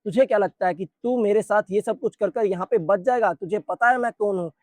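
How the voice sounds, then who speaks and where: A man's voice: high-pitched, a little fast, no room sound. A man voicing a crude, boastful teenage male bully who hurls insults and threats. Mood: furious. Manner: crude insulting taunts, then begging when hurt.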